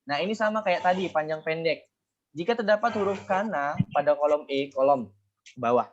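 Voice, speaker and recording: A man's voice: fairly high pitch, moderate pace, muffled recording, a little hiss or hum. Guru pria bersuara rekaman kusam. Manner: explains step by step, self-correcting often. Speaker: Japanese language teacher. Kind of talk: online class lesson.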